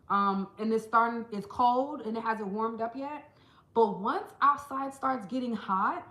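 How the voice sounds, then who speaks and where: A woman vlogger chatting casually to camera, telling stories in an animated way and putting on quick voices for the people she quotes. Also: fairly high pitch, reverberant, rough recording. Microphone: small handheld camera.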